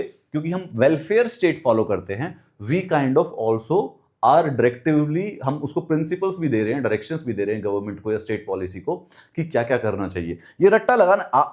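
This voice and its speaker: This man's voice sits a little high with a darkish tone as he teaches exam prep in a classroom lecture that mixes Hindi and English. He's emphatic, repeating key phrases and posing rhetorical questions, all while speaking with a mouth ulcer.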